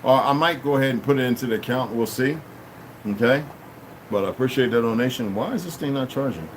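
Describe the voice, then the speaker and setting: The recording is rough, and the man on it speaks at a medium pitch and a quick pace. He's a livestream host at home, chatting aimlessly, thanking donors, and frequently asking "you know what I mean" as an air conditioner hums on behind him.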